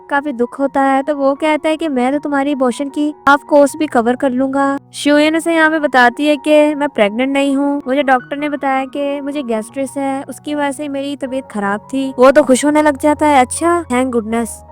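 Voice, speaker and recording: A woman's voice: high-pitched, steady tone, brisk, hardly any pauses, faint music behind. A woman narrating a drama recap, retelling the characters' dialogue in reported speech and mixing in English words.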